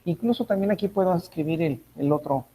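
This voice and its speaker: A male physics teacher with a Mexican Spanish accent walks his students through a lesson, thinking aloud, correcting his own slips and asking them to check. His voice sits a little high and sounds mellow rather than bright. A faint steady noise runs underneath. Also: a little fast, rough recording. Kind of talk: online class lecture.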